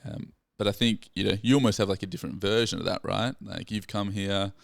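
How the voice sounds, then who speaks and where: A man's voice: lowish voice, fairly even intonation, brisk, gravelly, dry recording, clean studio sound. A young man hosting a podcast, talking in a rambling, chatty way and laughing along with his guest. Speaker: podcast host. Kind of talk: casual podcast chat.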